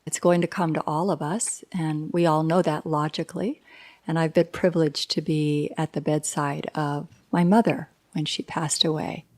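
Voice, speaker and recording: A woman in her sixties, a yoga instructor and life coach, giving a slow, reflective and candid interview in a yoga studio. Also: low-pitched, fairly even intonation. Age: 60s. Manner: slow, thoughtful, warmly candid.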